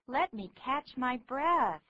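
Slow, careful female radio English tutor. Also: high-pitched, lively intonation, sharp tone, slight background noise. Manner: slow, careful model pronunciation. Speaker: English lesson co-host. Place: radio studio. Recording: dull lo-fi radio recording.

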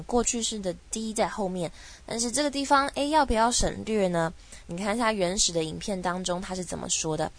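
A woman teaching English pronunciation, patiently and slowly demonstrating words. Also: mid-range voice. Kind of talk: explaining a language lesson.

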